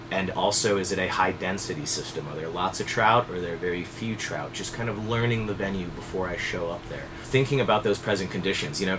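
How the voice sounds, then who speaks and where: A man in his thirties, a fly fishing guide, explaining things to camera in a relaxed, conversational way with casual fillers, seated at a desk indoors. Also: deep voice, background noise. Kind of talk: direct-to-camera instructional talk.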